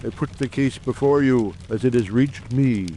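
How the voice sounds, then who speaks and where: In an audiobook drama, a man plays an earnest, shrewd brother of a secret coal-town society, speaking formally and persuasively at medium pitch, sure of his case. His voice is natural and warm, at a moderate pace, with a grave, urgent mood. Faint noise sits behind him.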